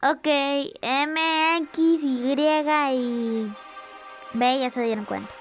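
A YouTuber talks in a put-on cartoonish voice that sits extremely high. The delivery is slow and drawn out. They react excitedly to a video, shouting the same lines again and chatting with viewers. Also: faint music behind. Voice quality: a put-on cartoonish character voice, not the speaker's real one. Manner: exclaims and repeats lines while watching; chatty with the audience, laughs at own slips. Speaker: YouTuber reacting to an animated series.

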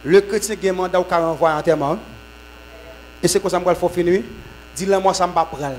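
A man preaches a sermon. His voice sits high for a man. He swings from shouted, fervent bursts to lower, quieter teaching. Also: fast, noisy background. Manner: shouts in fervent bursts with repeated amens, drops low when teaching. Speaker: apostle preaching at a conference.

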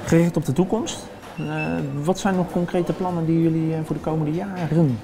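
A man's voice: on the high side, steady tone, moderate pace, background noise. A young man asking a restaurant owner short interview questions, recorded on a lapel mic in a restaurant dining room. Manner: brief prompting questions.

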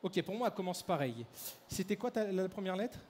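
A man performing a live mind-reading act, briskly directing the audience and volunteers on stage through a handheld microphone. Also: sits high, animated, a little mellow, slight background noise. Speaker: stage mentalist. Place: large hall at a fair. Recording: echoey hall, faint crowd ambience.

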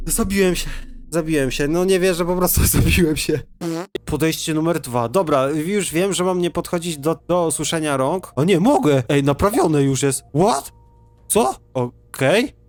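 A young man giving let's play commentary, excitable and laughing, often swearing and reading game text aloud. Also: fairly high pitch. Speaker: gaming YouTuber.

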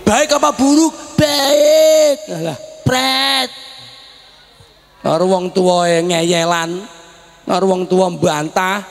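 A man with a Javanese accent preaching to students, teasing them and shouting questions for the crowd to answer. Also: sits high, measured pace. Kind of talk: lively sermon to students. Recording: echoey hall recording.

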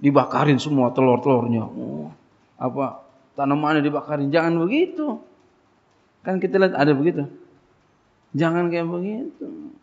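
Male preacher, gravelly, colloquial question-and-answer lecture, muffled low-fi audio. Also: lively intonation, moderate pace, pauses often, darkish tone. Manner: colloquial, call-and-response questions. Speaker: pesantren teacher. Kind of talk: casual religious lecture. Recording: dull lo-fi lecture recording.

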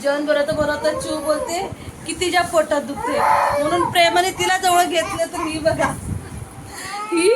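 A woman's voice: high-pitched, heavy background noise. A woman narrating a casual family vlog, chatting to viewers and coaxing her children. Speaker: family vlogger.

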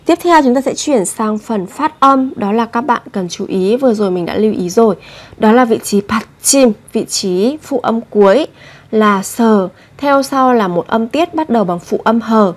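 A woman teaching a language lesson, explaining grammar and pronunciation and slowly repeating example words. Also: fairly high pitch, animated.

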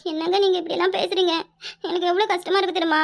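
A woman voicing a young, pregnant village wife in a cartoon who is tender and teasing, speaking with a southern Tamil accent in a high, sing-song way. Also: level tone, racing. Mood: tearful. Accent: southern Tamil (Tirunelveli). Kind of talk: cartoon voice acting.

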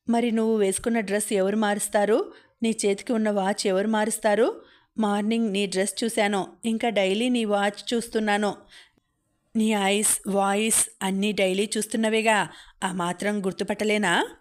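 A woman voicing a feisty, sharp-tongued rich young woman who scorns and threatens, in a storybook reading. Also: mid-range voice, fairly even intonation, moderate pace, lightly acted. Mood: scornful.

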